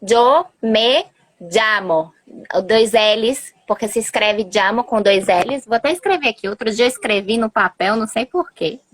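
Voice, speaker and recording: A woman's voice: fairly high pitch, moderate pace, hardly any pauses. A woman who grew up in Bahia, a Portuguese and Spanish teacher, chatting casually on a live video call and spelling out sounds as she explains them. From Argentina, grew up in Bahia, Brazil. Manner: explains pronunciation by spelling out sounds, laughs often. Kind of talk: casual chat on an Instagram live. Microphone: phone or computer on a video call.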